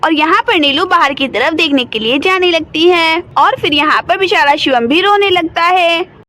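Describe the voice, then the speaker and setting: A woman's voice: very high voice, normal speed, sharp tone, no room sound. A woman narrating a doll play story in a plain way, speaking to viewers as friends.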